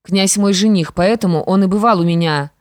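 A woman's voice: medium pitch, a little fast, a little mellow, dry recording, clean studio sound, close to an everyday voice. A woman voicing a defiant young stepdaughter in an audiobook, firm and reproachful. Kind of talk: audiobook character reading.

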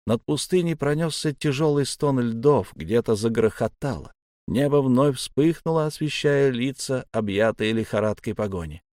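Male audiobook narrator, first-person, measured and tense, medium pitch, dry close recording. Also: animated, a little mellow, no room sound.

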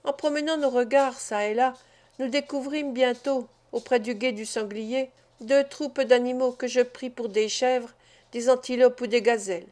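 A woman's voice: fairly high pitch, steady tone, moderate pace, a little mellow, lightly acted. A woman reading the part of a bold teenage boy recounting a hunt in an audiobook. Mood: proud. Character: bold teenage boy, eldest son, keen hunter.

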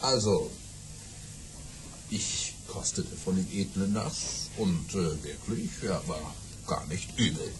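An actor playing a boastful, excitable baron telling tall tales in a radio play, bombastic and repeating words for emphasis. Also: male voice, deep voice, slow, noisy background. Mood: confidently bragging.

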